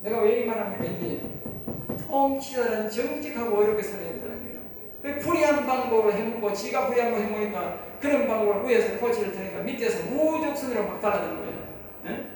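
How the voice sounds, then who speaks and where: A man's voice: high voice, fast talker, a little mellow, slight background noise. A man preaching a sermon as pastor, emphatic, repeating phrases and asking his hearers rhetorical questions. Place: church hall. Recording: echoey hall, voice heard from far off.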